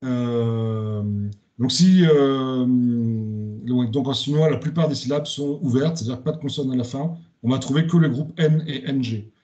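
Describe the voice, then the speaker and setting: A man's voice: medium pitch, a little slow, mellow. A man giving a spoken lecture presentation, hesitant, with many fillers and restarts.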